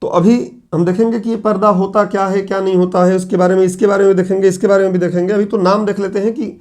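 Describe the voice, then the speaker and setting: गला खराब, सवाल पूछकर पढ़ाता ऊँची आवाज़ वाला शिक्षक. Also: male voice, high voice, flat delivery, quick pace, darkish tone. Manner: explains step by step, asks the class questions and answers them himself. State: sore throat, coughing. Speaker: teacher. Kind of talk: classroom lecture at a whiteboard. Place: classroom.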